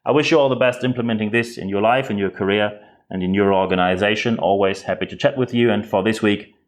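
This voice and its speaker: A man's low-ish voice moves quickly as he hosts a podcast, offering earnest, direct commentary with many repeated words. He has a German accent, and English is his second language.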